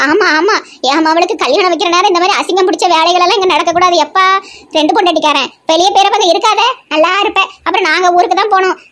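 A woman's voice: very high voice, steady tone, fast talker, a bit bright. A woman in a comedy sketch who scolds sharply, with emphatic exclamations. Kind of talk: amateur comedy sketch acting.

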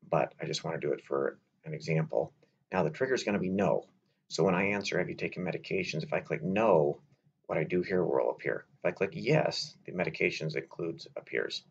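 A man walking through a software tutorial step by step, in a relaxed way with filler words, over a slightly dull recording with faint noise. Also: rumbling low, gravelly, slightly rough. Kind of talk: screen-recorded software walkthrough.

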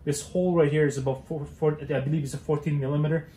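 A man's voice: a little high, level tone, quick pace, warm tone, echoey room, slight background noise. A young man hosting a casual how-to demonstration, talking hesitantly with many fillers and restarts while he works with his hands in a cluttered garage. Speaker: DIY car channel host.

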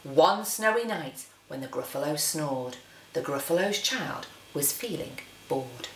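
Expressive woman reading a storybook, roomy. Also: sits low, recorded from a distance, slight background noise. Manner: dramatic, deliberate phrasing. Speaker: teacher reading to children. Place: living room, indoors. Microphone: camera a short distance away. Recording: roomy living-room echo.

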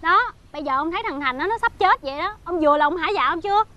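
A woman's voice: very high voice, animated, bright, forceful tone, heavily acted. An actress playing an outspoken young woman with a Southern Vietnamese accent who scolds a man and cries out for a boy she protects. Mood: indignant. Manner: scolding, quick to cry out. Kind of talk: TV drama acting. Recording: film dialogue under background music.

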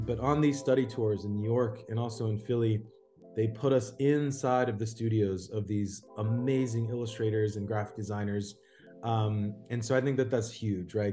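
A man's voice: fairly low pitch, dark tone. A man hosting, talking casually with frequent fillers and "right?" asides. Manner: chatty with frequent ums and rhetorical "right?". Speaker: host and program alumnus. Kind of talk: casual talk.

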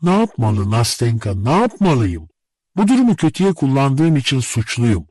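A lonely young man, read by a male audiobook narrator, confesses his love in an earnest, imploring voice with lively swings of pitch. The tone is husky and the sound dry and close. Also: normal speed, no room sound. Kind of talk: audiobook character reading.

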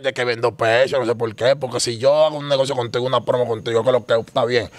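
Man, interview guest, rapid rambling slang-heavy storyteller, mid pitch. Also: fairly even intonation. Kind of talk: casual street slang interview.

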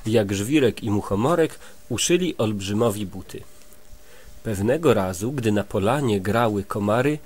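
Man reading a storybook aloud to a child. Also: lowish voice. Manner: stops to explain words gently. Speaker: reader to a child.

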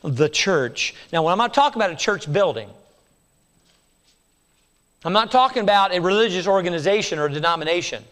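Man, pastor, high voice, sermon, hushed then emphatic, long church reverb. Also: lively intonation, a little fast, long pauses. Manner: expository preaching, swinging between hushed low lines and raised emphatic ones. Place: church sanctuary.

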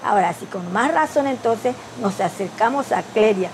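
A woman reflects aloud in a hesitant, conversational way, leaning on fillers and tag questions. Her voice sits at an ordinary pitch, with faint noise in the background. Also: animated, moderate pace, low-quality recording. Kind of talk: casual interview reflection.

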